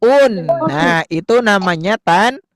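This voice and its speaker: A man's voice: high-pitched, animated, slow, fairly bright tone. A man teaching young children to read Arabic letters, patiently repeating words and coaxing answers in call-and-response.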